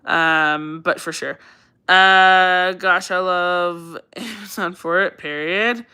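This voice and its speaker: This livestream host, a woman from Colorado in the United States, talks slowly in a lowish voice that is bright, forceful, clear and resonant. Her casual stream is chatty and meandering, and she repeats phrases for emphasis as she replies to viewers.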